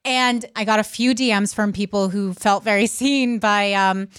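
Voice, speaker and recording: A woman's voice: medium pitch, steady tone, normal speed, a bit bright, smooth. A woman co-hosting a podcast in casual chat, talking candidly and swearing freely. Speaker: podcast co-host.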